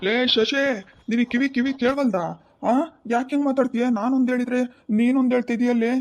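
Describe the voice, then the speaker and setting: A man's voice: sits high, level tone, moderate pace, a little mellow. A man playing a young husband, exasperated and lamenting over his wife in a comic skit.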